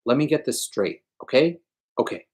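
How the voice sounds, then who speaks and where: A man's voice: medium pitch, big pitch swings, moderate pace, slightly rough, pitched above the performer's own voice. A man doing a furious, foul-mouthed young man. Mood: ranting. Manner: shouting, raised and strained.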